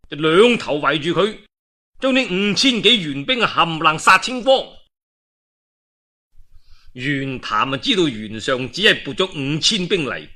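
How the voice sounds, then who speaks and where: Narrating a historical novel, a male storyteller with a Cantonese accent speaks in a colloquial, dramatic oral style full of interjections. His voice is on the high side, pushed and bright.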